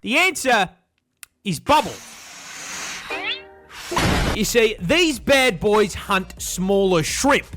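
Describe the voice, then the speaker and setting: A man's voice: sits high, animated, takes it slowly, pauses often, over music. A man delivering scripted comedic nature narration in an exaggerated, sweary style. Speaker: video narrator.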